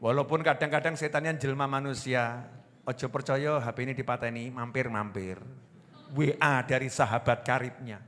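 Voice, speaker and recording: A man's voice: mid-range voice, steady tone, moderate pace, fairly bright tone, long reverb tail. A man with a Javanese accent preaching a sermon, telling stories animatedly and acting out the voices of the people in them.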